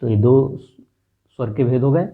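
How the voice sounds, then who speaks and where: A man teaching a classroom lesson at an unhurried, deliberate pace, stretching out each sound he demonstrates. His voice sits at an ordinary middle pitch. The audio is thin and tinny, much like a phone line. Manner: slow, drawn-out demonstration of vowel sounds.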